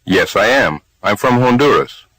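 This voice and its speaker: A man's voice: lowish voice, animated, normal speed, fairly bright tone, dry recording, poor audio. A man reading short answers in English course drills, with careful, evenly paced reading. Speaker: speaker B in language drills. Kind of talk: recorded language-course dialogue.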